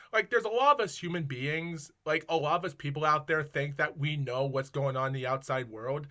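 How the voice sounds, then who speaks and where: A man's voice: mid-range voice, bright, forceful tone. A man telling viewers a personal street story in a rambling, casual vlog style, restarting sentences and often calling them guys. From Maine, United States.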